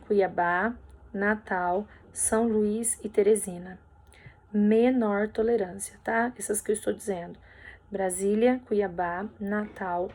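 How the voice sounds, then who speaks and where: A woman's voice: mid-range voice, a little mellow. A woman teacher going over workbook answers in a recorded lesson, explaining patiently step by step and checking in with tag questions.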